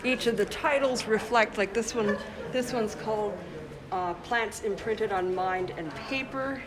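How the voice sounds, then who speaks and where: A woman from the Congo, an artist, chats her way through a casual livestream tour of her own show. She talks into a handheld phone as she walks around an indoor gallery, with a clear murmur of opening-night crowd behind her. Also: mid-range voice, a little slow, low-quality recording. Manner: chatty, showing work while walking around. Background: gallery crowd chatter.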